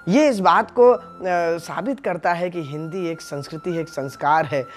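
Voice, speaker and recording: A man's voice: on the high side, normal speed. A male religious teacher giving a devotional discourse, addressing the listeners as friends and sounding out syllables one by one to make his point. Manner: explains Hindi sounds by voicing each syllable; addresses the audience as friends, asks rhetorical questions.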